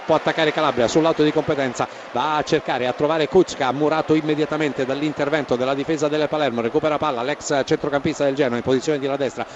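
A man giving live radio football commentary with emphatic, florid phrasing. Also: on the high side. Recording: dull, noisy broadcast with crowd.

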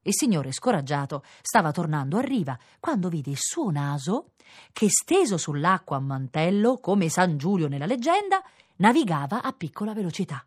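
A woman reading a children's fairy tale for radio, with playful, expressive narration. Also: fairly low pitch, normal speed, husky, dry recording, clean studio sound. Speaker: reader.

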